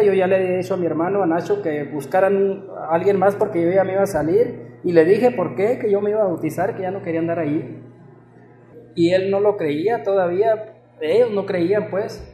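A man recounts his conversion in an earnest, reflective personal testimony. His voice sits high but sounds mellow and soft-edged. The room around him is echoey. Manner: earnest, reflective storytelling, often quoting himself. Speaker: former musician giving a conversion testimony.

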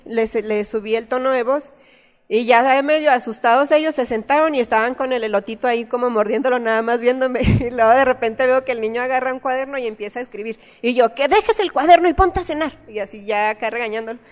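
A woman's voice: fairly high pitch, steady tone, brisk. A woman in her thirties with a Mexican accent, giving an earnest, conversational sermon in a church, telling personal stories. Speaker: church speaker. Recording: long reverb of a church hall.

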